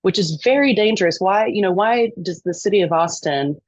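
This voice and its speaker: A middle-aged lobbyist from East Texas, Texan accent and all, guests on a podcast, chatty and self-deprecating with frequent ums. Her mid-range voice is animated and brisk, captured in a dry, dull recording.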